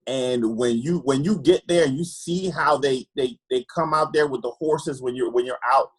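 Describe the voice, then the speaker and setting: A man's voice: medium pitch, moderate pace, breathy edge, poor audio. A man from Trinidad, an optometrist, telling candid personal stories in an earnest way and often repeating words as he searches for them. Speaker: optometrist guest.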